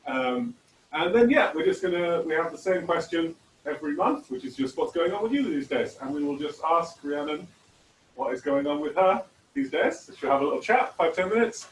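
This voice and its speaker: A man's voice: fairly high pitch, expressive, normal speed, reverberant, distant mic, slight background noise, rough recording. A man co-hosting a casual online teachers' meetup, rambling with lots of fillers and restarts over a video call. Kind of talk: casual chat.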